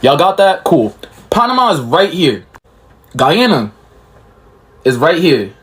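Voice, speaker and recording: A man's voice: a little high, big pitch swings, slow pace. A man hosting a reaction video, talking casually and explaining things to viewers he calls y'all. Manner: chatty, addresses viewers as y'all.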